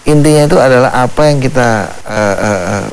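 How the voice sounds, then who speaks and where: A man in a TV talk show, explaining religious healing calmly and repeating his points with many fillers. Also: medium pitch, fairly quick, a little hiss or hum. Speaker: Islamic healer and preacher.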